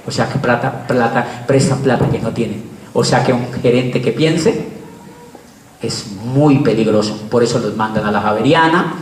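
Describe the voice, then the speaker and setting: A man's voice: mid-range voice, moderate pace, a little hiss or hum. A middle-aged man with a Colombian accent giving a live lecture, pressing his points with rhetorical questions and repetition. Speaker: speaker. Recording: echoey room, mic far off.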